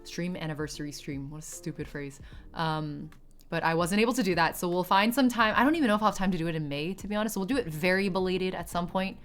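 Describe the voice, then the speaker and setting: A woman's voice: on the low side, fast. A woman in her late twenties, a streamer, chatting casually and rambling, giggling often and swearing offhand. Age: 20s. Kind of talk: casual chat with live chat.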